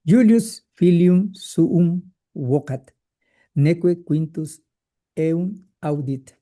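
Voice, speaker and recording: A man's voice: on the high side, drawn-out words, warm tone. A male student on a video call, reading and translating hesitantly with many "eh" and "ok" fillers.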